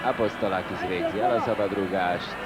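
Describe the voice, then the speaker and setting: A man giving excited live football commentary, exclaiming at chances as the play unfolds. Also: sits low, a loud crowd. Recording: very loud background noise, broadcast stadium ambience.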